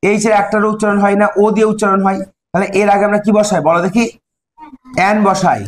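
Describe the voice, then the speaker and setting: A man teaches English to young pupils. He asks questions, answers them himself, and reads English sentences slowly before translating them. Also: sits high, fairly even intonation. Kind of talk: classroom lesson in Bengali.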